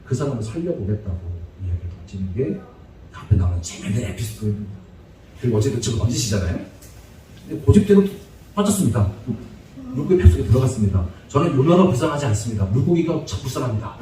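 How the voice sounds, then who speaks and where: In a church sanctuary, a male evangelist delivers a funny, conversational sermon lecture punctuated by frequent laughter. He talks fast in a warm, sing-song, medium-pitched voice, and the echoey hall is captured on a distant mic with a little hiss or hum.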